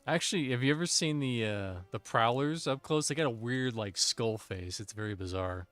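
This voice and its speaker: A man's voice: mid-range voice, normal speed, fairly bright tone, smooth, faint music behind. Playful man in casual gaming chat. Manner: playful, jokey, self-teasing. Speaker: streamer playing an online game with friends. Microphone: desk microphone.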